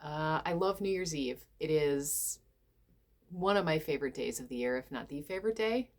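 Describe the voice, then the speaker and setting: A stuffed-up woman with a nasal voice, talking softly and hesitantly in a personal vlog, with many ums and sighs. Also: deep voice, expressive, moderate pace. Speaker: vlogger.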